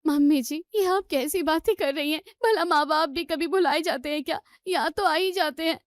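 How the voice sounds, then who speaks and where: Sweet young daughter-in-law, woman putting her on, high soft pleading voice, cartoon story. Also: moderate pace, no room sound, clean studio sound, lightly acted.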